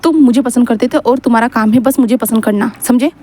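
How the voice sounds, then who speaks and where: A woman's voice: on the high side, fast talker, mellow, natural voice. A woman voicing a domineering male mafia teacher who gives teasing, bossy orders. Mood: commanding. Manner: commanding, teasing.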